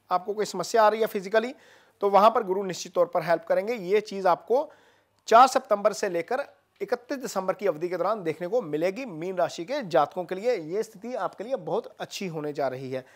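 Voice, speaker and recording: Speaking at medium pitch, an astrologer lays out a horoscope for viewers in a calm, explanatory manner, with frequent "uh" fillers and pauses.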